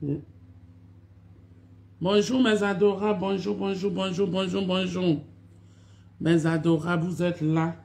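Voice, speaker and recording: A woman's voice: lowish voice, level tone, a little slow, gravelly, long pauses, a little mellow. A woman talks on a phone live stream, greeting her followers over and over and scolding them for not showing up. She sounds repetitive and reproachful. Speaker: online video personality hosting a live stream.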